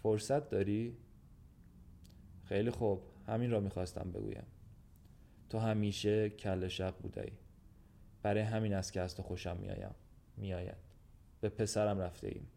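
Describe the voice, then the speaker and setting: A man's voice: fairly low pitch, expressive, creaky, long pauses, mellow, a little hiss or hum. A man voicing an old, blunt, fatherly gendarme who talks in a weary, matter-of-fact way in a storybook reading.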